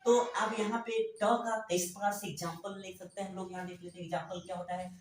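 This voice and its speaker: A man's voice: high-pitched, little pitch movement, fast talker, slight background noise. Echoey male teacher. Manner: addresses students directly, repeats words to drill pronunciation. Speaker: English teacher. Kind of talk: classroom-style grammar lesson. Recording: very echoey room, mic at a distance.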